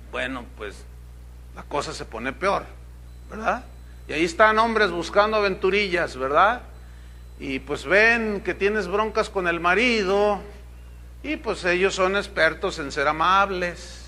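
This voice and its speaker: Man, pastor, sermon, high voice, bright tone, joking, rhetorical questions. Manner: conversational, humorous, asks rhetorical questions.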